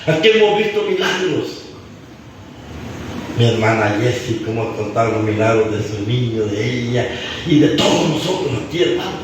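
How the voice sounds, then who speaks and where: A man's voice: mid-range voice, sing-song, normal speed, background noise. A man preaching a sermon as pastor, impassioned, often calling out to his listeners and stumbling over restarts. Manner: impassioned, repeatedly addressing "hermano", stumbling restarts. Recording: very echoey room, mic far off.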